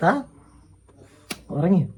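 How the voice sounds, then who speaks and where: A woman's voice: slow pace, a little mellow. A woman vlogging with her family, coaxing a toddler in sing-song baby talk. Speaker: parent vlogger.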